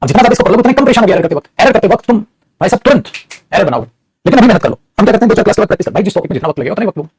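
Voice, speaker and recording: Teaching English grammar in a classroom, a man with a Bhojpuri-tinged Hindi accent switches between Hindi and English and calls his students beta. His voice is high, a little mellow and slightly rough, with lively intonation and a very fast delivery.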